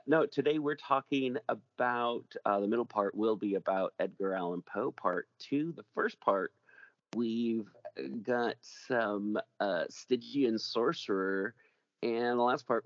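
A man with a gravelly voice hosting a casual chat show, rambling along with jokey asides. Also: on the low side, no room sound, muffled recording. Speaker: podcast host.

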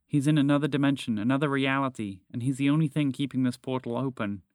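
A man voicing an excited young girl who explains things in a quick, urgent rush for a storybook podcast. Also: medium pitch, no echo, studio quality, pitched above the performer's own voice, close to an everyday voice.

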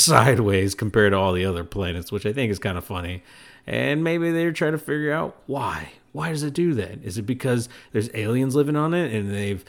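A man hosting his own podcast, talking alone in a rambling, self-mocking way and laughing at his own jokes. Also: on the low side. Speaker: podcast host. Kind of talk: casual solo podcast monologue.

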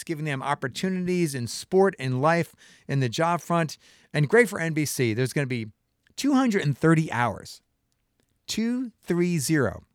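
A man's voice: on the high side, no echo, studio quality. A middle-aged man hosting his own show in a casual solo monologue, impassioned, full of restarts and rhetorical questions. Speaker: show host.

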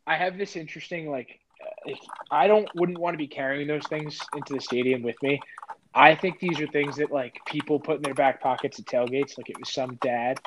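A man's voice: on the high side, steady tone, brisk. A man co-hosting a podcast in casual sports chat, hesitant, with many restarts and fillers. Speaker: podcast co-host. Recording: dull lo-fi sound, faint noise.

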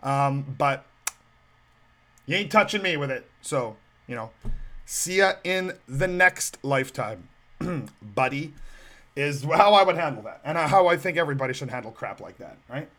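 A man's voice: mid-range voice, expressive, unhurried, a bit bright. A man hosting a solo podcast, sarcastic and mocking, rambling with many restarts. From Canadian prairies. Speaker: podcast host.

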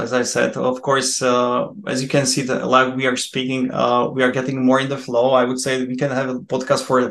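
A man speaking as a podcast guest, his voice gravelly and his intonation notably flat. He searches for words as he goes, filling gaps with hesitations, and stays earnest and appreciative throughout. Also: mid-range voice. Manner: halting, searching for words with many fillers. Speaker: mental coach, podcast guest. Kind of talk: casual conversation.

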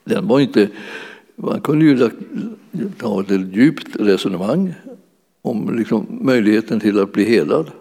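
A man's voice: fairly low pitch, expressive, mellow, breathy edge. A preacher man in a reverberant church hall. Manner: conversational, searching for words with many fillers. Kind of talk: sermon.

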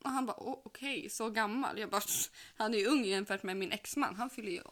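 A young woman in casual chat, acting out both sides of a chat story with a quick, giggly delivery. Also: medium pitch, a bit bright. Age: young adult.

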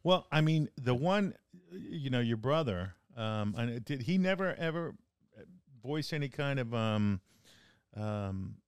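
Man podcast co-host, mid-pitched, curious, keeps asking questions, laughs a lot, dry close mic. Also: animated, takes it slowly, clean tone, no room sound. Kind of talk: casual chat.

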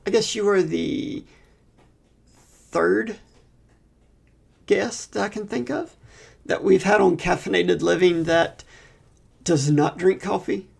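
A man hosts a podcast in a relaxed, chatty way. His voice is heavily gravelly with a lot of fry. It is also rough and husky. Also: high voice, slow, pauses often. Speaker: podcast host and pastor. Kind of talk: casual chat.

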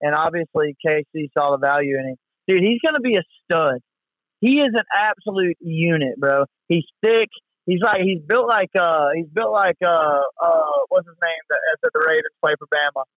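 A man's voice: on the high side, animated, normal speed, no echo, narrow, tinny audio. A man chatting casually about sports as a co-host, enthusiastic and full of bro-ish slang, often repeating himself. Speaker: co-host of a sports talk show.

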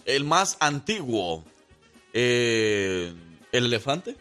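A man's voice: mid-range voice, very animated, drawn-out words, bright, forceful tone, clear, resonant tone, soft background music. A man hosting a morning radio show, chatting playfully and telling jokes. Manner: playful, laughs easily, reads ads. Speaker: radio host. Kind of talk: casual radio banter and joke telling.

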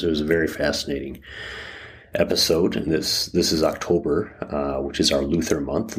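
Very deep-voiced man talking inside a closet. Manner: halting, thinking aloud with many restarts. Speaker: podcast host. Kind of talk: casual solo podcast talk. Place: inside a closet of a rented room.

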